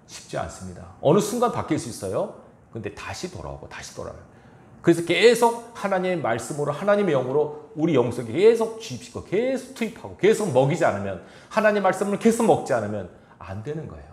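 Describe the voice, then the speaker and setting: A man with a highish, darkish voice preaches at a quick pace with huge pitch swings. In an echoey sanctuary, he reads scripture and then presses the congregation with rhetorical questions.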